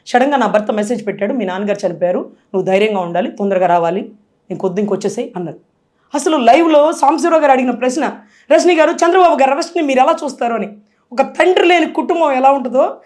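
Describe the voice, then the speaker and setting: Woman guest, high voice, rapid and impassioned delivery for a political interview. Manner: impassioned, forceful, tearful at times.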